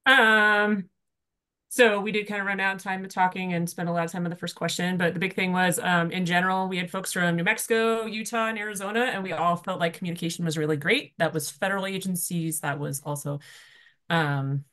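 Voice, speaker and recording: Low-voiced woman rattling off a group report over a video call, fast, lots of ums. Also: fairly even intonation, sharp tone. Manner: fast-talking, informal, many fillers. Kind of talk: online workshop report-out.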